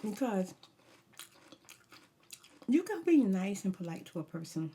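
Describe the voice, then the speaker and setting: A woman's voice: mid-range voice, very animated, measured pace, warm tone, a little hiss or hum. A woman ASMR vlogger rambling through a casual story time, talking candidly and emphatically with slangy asides and advice.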